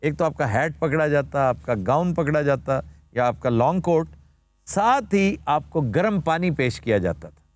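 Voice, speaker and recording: A man hosts a studio talk show and explains word origins like a teacher. His voice sits high and swings widely in pitch. The sound is dry and close. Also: very animated, moderate pace, no echo. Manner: explanatory, lecturing, formal Urdu vocabulary. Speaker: host.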